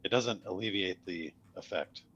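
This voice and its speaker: A man acting as game master, narrating a tabletop fantasy game casually and haltingly, thinking aloud. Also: low-pitched, fairly bright tone, highs cut off, a little hiss or hum.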